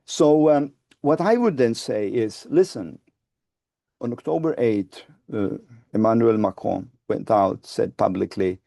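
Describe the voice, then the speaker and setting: Seated before a dark studio backdrop with a lapel mic, a Finnish-accented man in his sixties who founded an advocacy group answers webinar interview questions. His voice is fairly low and mellow with some vocal fry, there's no room sound, and he speaks deliberately, restarting hesitantly and moving both hands as he talks.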